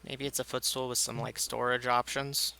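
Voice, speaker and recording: A man's voice: mid-range voice, level tone, normal speed, gravelly, sharp tone. A tired man chatting casually with his viewers during a live game stream, rambling and poking fun at himself. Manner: chatty, rambling, self-mocking, talks to chat.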